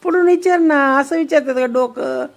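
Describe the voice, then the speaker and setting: Teasing young mother, slightly high voice. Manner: teasing, asks many quick questions. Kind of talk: casual playful chat with her young daughter.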